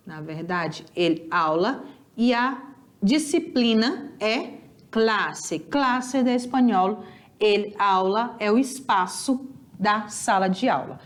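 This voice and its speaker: A young Brazilian woman with a Brazilian Portuguese accent, teaching a recorded lesson and drawing out words slowly to show pronunciation. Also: fairly high pitch. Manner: lively, drawn-out teacherly pronunciation drills. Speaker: Spanish teacher.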